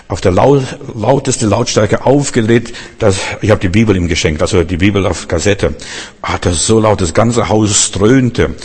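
A man's voice: on the low side, a little mellow, breathy edge, long reverb tail. A man preaching a sermon in a rambling way, often restarting his sentences and speaking to the listener directly.

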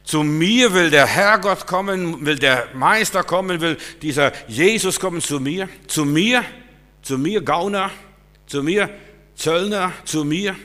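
Man playing an ecstatic small-statured tax collector, high and loud, bright voice, echoey hall. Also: measured pace. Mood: overjoyed disbelief. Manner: excited, loud, repeating himself. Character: small rich male tax collector, overjoyed.

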